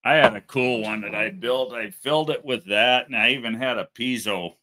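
A man's voice: mid-range voice, moderate pace, bright, forceful tone. A man hosting a casual live chat, talking loosely and swearing, with frequent "you know" and chat readings. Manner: profane, laughing, lots of "you know". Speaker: host of a car show live stream, reading chat.

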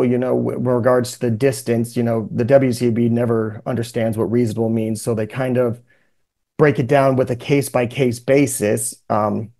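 A man's voice: mid-range voice, mellow. Man presenting an explanatory legal webinar. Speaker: presenter, workers' compensation lawyer. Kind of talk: webinar lecture explaining legal rules from slides. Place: indoors, on a video call.

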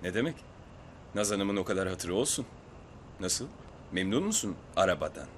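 A young male actor playing a polite, smooth-talking gentleman in a TV drama. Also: low-pitched, very animated, normal speed, a little hiss or hum. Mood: courteous. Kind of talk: TV drama acting. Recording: loud music behind the dialogue.

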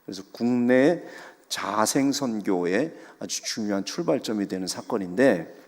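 A man preaching as a pastor, telling a story in a sermon with dramatic rises and soft drops. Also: medium pitch. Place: church sanctuary. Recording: long church hall reverb.

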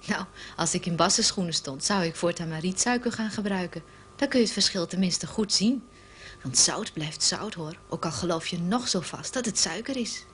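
A woman's voice: on the low side, normal speed, a little hiss or hum. Earnest woman telling a children's story. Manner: earnest, explaining plainly to children.

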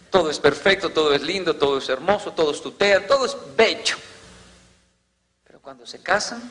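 A man's voice: sits high, fairly bright tone, in a large hall, poor audio. A man giving a lecture, telling stories and acting out family scenes. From Colombia. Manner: storytelling, acts out family scenes. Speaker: motivational speaker. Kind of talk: lecture to an audience.

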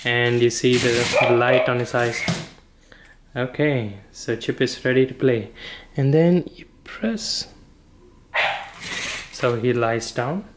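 Slow-talking man, casual demo, noisy recording. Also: mid-range voice. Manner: informal, halting, thinking aloud. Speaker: product reviewer. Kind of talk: casual hands-on demonstration. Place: indoor room with wooden floor.

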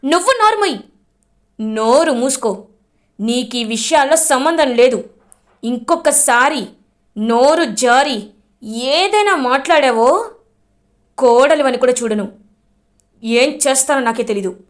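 A woman's voice: high voice, expressive, a little slow, pauses often. A woman voicing a stern, fierce middle-aged mother who scolds sharply and with emphasis. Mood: furious.

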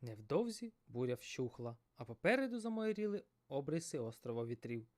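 A man narrating a fairy tale in an expressive, dramatic storybook style. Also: medium pitch, fairly quick.

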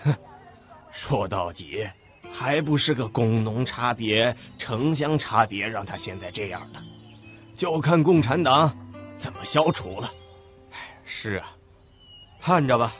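A man's voice: mid-range voice, animated, a little slow, long pauses, fairly bright tone, faint music behind. A man playing a sly, sighing old schemer. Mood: scornful musing. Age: older. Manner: drawling, sighing, sardonic. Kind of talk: audiobook radio-drama acting.

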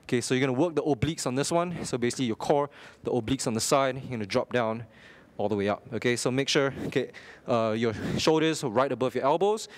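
A young man instructing a workout, energetic, talking in short clipped cues and counts with frequent okays while exercising. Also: mid-range voice, quick pace. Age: young adult. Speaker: fitness instructor.

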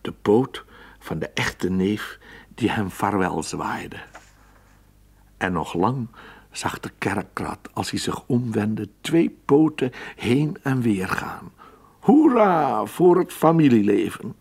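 Slow husky male storyteller. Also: fairly low pitch. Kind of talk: storybook narration.

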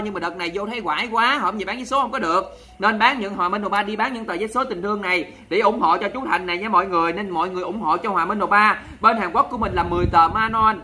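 A man's voice: high-pitched, sharp tone. A man with a Southern Vietnamese accent hosting a charity livestream, chatting with viewers in a sassy, dramatic way and scolding them in jest. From Mekong Delta, Vietnam. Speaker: livestream host.

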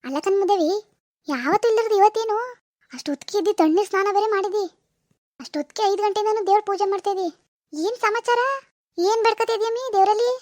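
Woman putting on a cartoon village mother, rural Karnataka Kannada accent, mocking scold, bright high voice, dry booth. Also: quick pace, long pauses, no echo. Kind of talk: cartoon voice acting.

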